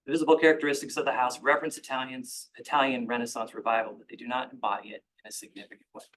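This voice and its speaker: A man giving formal public comment at a commission hearing, measured and argumentative. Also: mid-range voice, level tone, fairly bright tone, poor audio.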